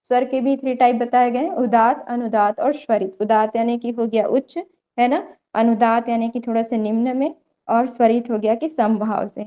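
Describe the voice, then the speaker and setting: A woman's voice: fairly high pitch, fairly even intonation, normal speed, highs cut off. A young woman teaching an online yoga theory class, explaining step by step and checking in often with her students. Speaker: yoga lecturer.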